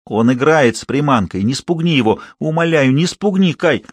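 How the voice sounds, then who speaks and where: A man reading an audiobook and voicing an adult male hunter who shouts urgent fishing instructions. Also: fairly high pitch, animated, moderate pace, breathy edge, dry recording, pitched above the performer's own voice. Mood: urgent shouting.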